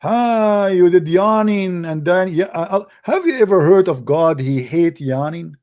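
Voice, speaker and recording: An online commentator rants in an animated, sarcastic monologue, his English grammar broken and his speech frequently dissolving into mocking laughter. His voice is high-pitched and his pace unhurried.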